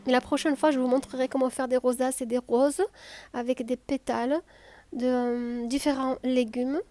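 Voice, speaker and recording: A woman with a southern French accent, calmly explaining a cooking tutorial step by step, with frequent hesitations. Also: high-pitched, normal speed. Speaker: home cook.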